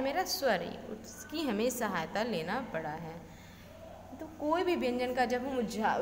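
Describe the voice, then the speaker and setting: A woman, teaching a slow classroom lesson, reciting letters and asking and answering her own questions. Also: fairly high pitch, slight background noise. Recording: echoey room with faint ambience.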